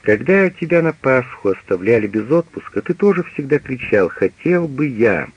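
A man's voice: medium pitch, big pitch swings, moderate pace, breathy edge, pitched above the performer's own voice. A man voicing a strict elderly mother who lectures her grown son in a reproachful tone, on a dull radio recording. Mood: lecturing.

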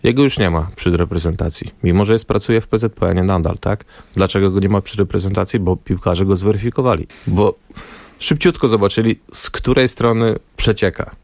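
Man, low register, radio guest telling anecdotes, dry studio sound. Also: a little fast, vocal fry, no room sound. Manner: lively anecdotal storyteller, acts out quoted dialogue. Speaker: former national team press officer. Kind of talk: radio interview storytelling. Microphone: studio microphone.

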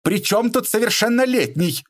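A man's voice: fairly high pitch, expressive, moderate pace, no room sound, studio quality, voice pushed up. A man voicing an imposing, theatrical middle-aged woman who shrieks and accuses. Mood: indignant.

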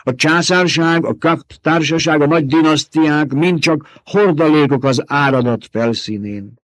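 A man's voice: fairly high pitch, dry recording, voice pushed up, natural voice. A man doing a scornful old reverend mother. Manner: mocking and domineering.

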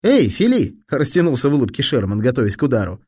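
A man narrating an audiobook in an expressive, lively way. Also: medium pitch, rapid-fire, husky, dry recording, studio quality.

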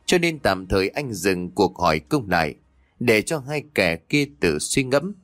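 A man narrating a scripted ghost story in a dramatic, expressive storytelling manner on a close mic. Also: mid-range voice, no echo.

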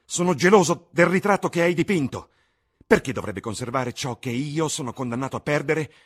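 A vain young man cries out in high, strained anguish, as a male reader puts him on. His voice climbs and swings widely while staying loud and pressing. He sounds impassioned and desperate about growing old, in a husky audiobook tone. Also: expressive, brisk.

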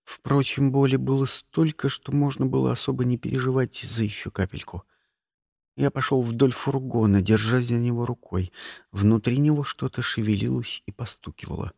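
An expressive audiobook reader narrating a first-person story. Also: mid-range voice, normal speed, gravelly, no echo, studio quality. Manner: lively, expressive reading.

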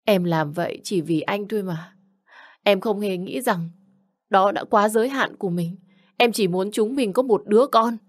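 A woman's voice: medium pitch, normal speed, pitched above the performer's own voice, lightly acted. A woman reading a story, voicing a frightened young wife who pleads and apologizes to her husband. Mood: pleading.

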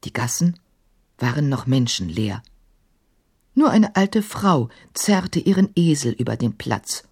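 A woman narrating a children's story with an expressive, playful reading. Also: very deep voice, a little slow, slightly rough.

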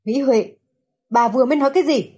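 A woman's voice: high-pitched, quick pace, breathy edge. A woman voicing a shaken middle-aged husband who demands answers in a trembling voice. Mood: stunned, trembling. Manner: trembling, then shouting.

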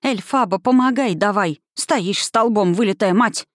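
Brief: gruff old nanny, bossy and barking, read by an audiobook narrator. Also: medium pitch, unhurried, no echo, clean studio sound, lightly acted. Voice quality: mumbling, then barking orders.

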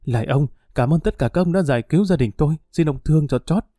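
A man's voice: fairly high pitch, fast talker, dark tone, no room sound, studio quality, lightly acted. A man voicing a desperate mother who begs tearfully. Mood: pleading. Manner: pleading, tearful. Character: desperate young mother begging for her child.

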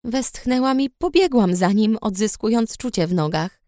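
A woman reading an audiobook aloud in the first person, with an even, reflective storytelling manner. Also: on the high side, normal speed, no room sound, studio quality. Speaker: audiobook narrator. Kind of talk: first-person scripted narration.

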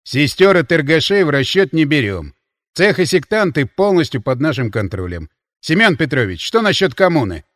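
A man's voice: a little high, big pitch swings, a bit bright, no echo, clean studio sound. A man voicing a stern, commanding deputy commander. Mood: brisk. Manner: brisk, authoritative. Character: stern commanding male deputy military leader.

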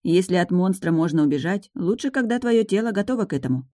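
A woman's voice: on the low side, lively intonation, fast, dark tone, dry recording, clean studio sound, close to an everyday voice. Woman voicing a practical young witch. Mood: plain. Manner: plain, matter-of-fact. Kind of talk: audiobook narration.

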